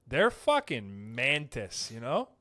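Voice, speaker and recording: Slow and forceful, this young male podcast co-host has a bright, medium-pitched voice that swings hugely in pitch. He rambles through crude anecdotes in casual banter, doing voices for the people he quotes.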